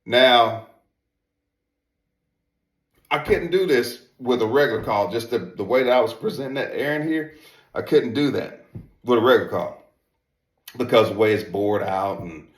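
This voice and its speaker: A man's voice: lowish voice, normal speed, pauses often. A man giving a casual product demonstration in an emphatic, folksy way, often repeating his phrases. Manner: emphatic, repetitive, folksy informal talk. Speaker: presenter reviewing duck calls. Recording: roomy echo.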